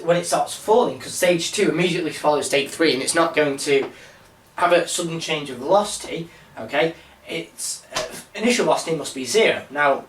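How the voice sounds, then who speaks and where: A man's voice: fairly high pitch, a bit bright, far from the mic. A young man explains a mechanics exam question in a loose, chatty tutorial. He rambles and pokes fun at himself as he goes. His voice comes from a step back from the mic and carries a roomy echo. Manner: casual, rambling, self-mocking asides. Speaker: maths tutor. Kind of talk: informal exam walkthrough.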